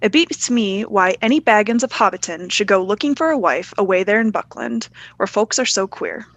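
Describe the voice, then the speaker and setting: A woman's voice: mid-range voice, very animated, moderate pace, fairly bright tone. Woman as a nosy old hobbit villager. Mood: suspicious. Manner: folksy, gossipy. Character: old male hobbit villager, suspicious pub gossip.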